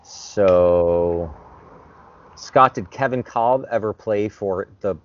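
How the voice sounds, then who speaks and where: A man's voice: on the low side, extremely slow, highs cut off. A man co-hosting a casual sports podcast, chiming in with guesses and memories. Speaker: podcast co-host guessing trivia.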